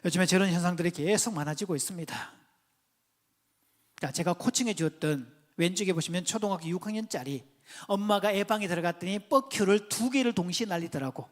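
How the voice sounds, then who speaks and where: A man's voice: sits high, fairly quick. A man giving a church seminar lecture on parenting, telling counseling stories and asking the audience questions. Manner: conversational, asks the audience questions; tells counseling stories and points at slides. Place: church hall before an audience.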